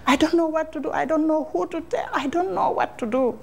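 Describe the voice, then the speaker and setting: A woman interviewee giving an emotional personal account, halting and repeating phrases in non-native English. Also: high-pitched, creaky.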